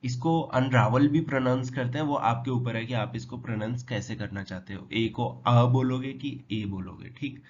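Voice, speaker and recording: A man explains English words at a measured, patient pace, firing quick questions at his viewers and answering them himself. His voice sits in a middle register. The recording is a little dull and lo-fi, with faint noise underneath. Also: medium pitch, darkish tone. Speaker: English vocabulary teacher. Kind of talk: explanatory lesson.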